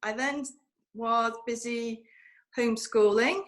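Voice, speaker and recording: Guest: thirties woman, slightly high voice, halting and filler-heavy. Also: steady tone. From North Wales. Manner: hesitant, many ums and restarts. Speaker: guest physiotherapist. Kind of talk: conversational interview.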